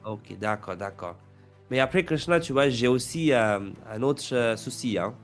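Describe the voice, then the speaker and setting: A man's voice: medium pitch, normal speed, faint music behind. Casual French-accented male examiner. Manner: casual, prompting with tag questions. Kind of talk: speaking exam role-play.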